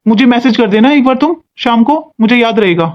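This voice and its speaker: A performer voicing a caring young husband who gently reassures his wife over the phone in a cartoon. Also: mid-range voice, a little fast, muffled recording, voice pushed down, close to an everyday voice. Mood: soothing. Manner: soothing, reassuring. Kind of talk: animated cartoon voice acting.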